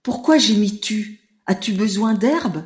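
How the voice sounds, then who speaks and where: A woman's voice: mid-range voice, expressive, measured pace, a little mellow, roomy sound, voice pushed up, natural voice. A woman voicing a mean giant male rat who bosses others around, harsh and mocking in a children's audiobook. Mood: gruff.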